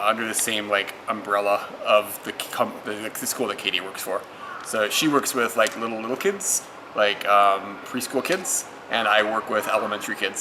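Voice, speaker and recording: Here a young man speaks at a fairly low pitch, with noise behind him. He's an American elementary school teacher and vlogger answering viewer questions in a relaxed, chatty way. He tells stories, leans on the word "like," and laughs a lot.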